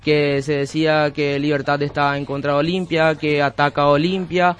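A man's voice: on the high side, little pitch movement, clear, resonant tone. Young man reading sports fixtures. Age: 20s. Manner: brisk, matter-of-fact listing. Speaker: radio sports producer. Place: radio studio.

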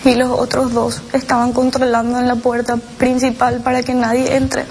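Creaky-voiced woman giving emotional testimony. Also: on the high side, completely flat delivery, a little mellow, slight background noise, rough recording. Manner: halting, quotes dialogue, many restarts and tag questions. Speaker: mother recounting her child's experience.

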